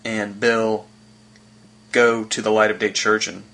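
A man's voice: on the low side, little pitch movement, a little slow, pushed and bright. A man co-hosting a podcast, chatting casually with enthusiasm and teasing jokes. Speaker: podcast co-host. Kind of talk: casual chat.

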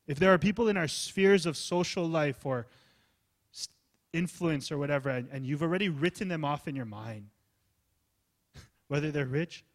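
A male pastor delivers a sermon with animated preaching. He swings from loud, pressing emphasis to quiet, low asides. His delivery is lively and expressive. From United States. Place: church hall.

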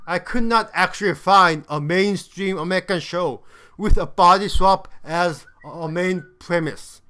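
Sarcastic high-voiced man reviewing dramas. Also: pushed and bright. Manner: dry, sarcastic humor. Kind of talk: scripted review commentary.

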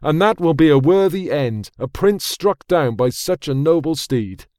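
A man's voice: on the high side, lively intonation, measured pace, a little mellow, smooth, no room sound. A headstrong young prince of a fantasy tale, voiced by a male narrator, proud and declaiming in a slightly lifted voice. The delivery is close, dry and studio-clean, as on an audiobook. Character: bold, stubborn young warrior prince.

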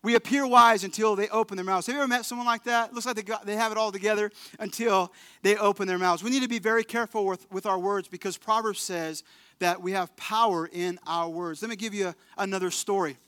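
Bright, high-voiced man preaching a story. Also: clean tone, dry recording. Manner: animated storyteller, rising to emphatic peaks; frequent quick restarts and repeated words. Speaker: pastor. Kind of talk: storytelling sermon.

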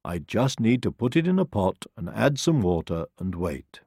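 A weary old wolf from a storybook, toothless and coaxing, his voice low and husky, as a man reads him aloud. He talks gently and persuasively, the sound close and dry. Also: sing-song, normal speed, no echo, heavily acted. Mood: patient.

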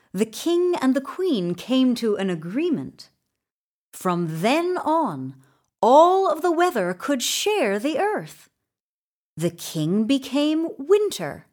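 A woman narrates a children's book from a script, her voice high and animated. She reads expressively and deliberately, lingering on dramatic pauses for her young audience.

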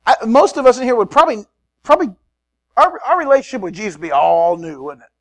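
A man preaching a sermon in a church, swinging between loud emphatic lines and quiet asides. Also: very high voice, animated, fast talker. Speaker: pastor.

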